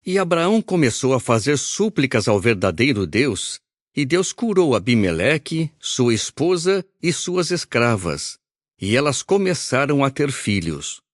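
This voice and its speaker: A man reading a Bible audio recording aloud in a measured, solemn narration. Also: mid-range voice, very animated, no echo, studio quality.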